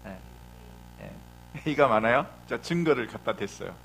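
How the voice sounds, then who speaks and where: A man's voice: medium pitch, animated, a little slow, vocal fry, a bit bright, slight background noise. A middle-aged man preaching a sermon as a pastor, asking the congregation questions and acting out quotes.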